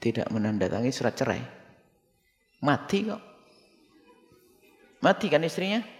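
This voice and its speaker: Lively preacher man in a reverberant hall. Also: normal speed, faint music behind. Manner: lively, jumps into high-pitched mimicry of people. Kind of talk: Islamic sermon with Q&A.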